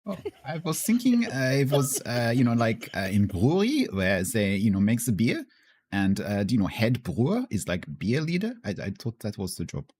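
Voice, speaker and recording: A man voicing a naive, bumbling farmhand at a job interview, hesitant and halting in broken English. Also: medium pitch, wildly swooping pitch, darkish tone, slightly rough. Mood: earnest, unsure. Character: naive bumbling German farmhand job applicant named Klaus.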